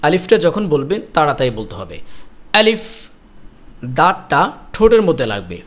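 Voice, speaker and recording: A Quran teacher giving an Arabic alphabet lesson. The teacher pronounces each letter slowly and repeats it, patiently explains where the tongue and teeth go, and asks listeners to repeat. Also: mid-range voice, sing-song.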